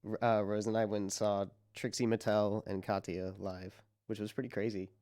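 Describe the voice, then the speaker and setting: A man's voice: fairly low pitch, flat delivery, moderate pace, a little mellow. A tired young man co-hosting a casual podcast, rambling loosely with laughs and swearing, his voice a little strained. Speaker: podcast co-host. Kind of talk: casual chat.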